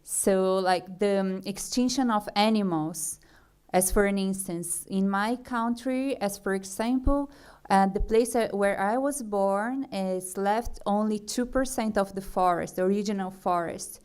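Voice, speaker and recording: A young Brazilian woman speaks English with a Brazilian accent as a speaker at a conference forum. Her smooth, clear, middle-pitched voice is a little mellow, and she speaks slowly and hesitantly, with fillers and restarted sentences.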